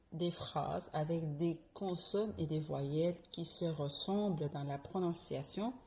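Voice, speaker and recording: Slow, careful woman teaching pronunciation. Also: on the low side, warm tone, slight background noise. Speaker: French teacher. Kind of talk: pronunciation lesson.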